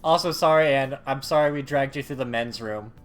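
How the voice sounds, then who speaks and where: Young male streamer, casual rambler, mid pitch, soft music underneath. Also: a little fast. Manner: rambling storyteller with lots of fillers and swearing. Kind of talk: casual chat while streaming a game.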